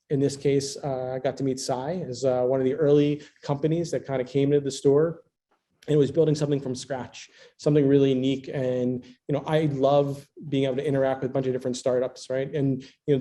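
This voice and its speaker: East coast guy from philly, really dark mellow tone, pretty flat delivery, tech exec on a panel. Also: mid-range voice. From US East Coast, Philadelphia. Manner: upbeat, self-described type A. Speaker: business development executive. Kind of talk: panel interview answers.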